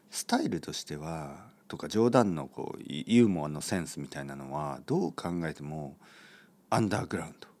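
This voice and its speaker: A man's voice: fairly low pitch, a little mellow. A man hosting his own podcast in a casual, rambling way, with many fillers and playful self-mockery. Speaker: podcast host. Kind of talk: casual solo podcast talk.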